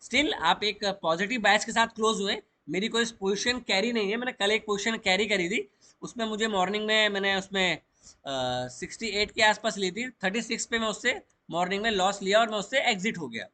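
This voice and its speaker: Bright-voiced man teaching chart trading. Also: sits high, fairly quick. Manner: explains step by step, mixing English trading terms into Hindi. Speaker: stock market trading educator. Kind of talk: chart walkthrough lesson.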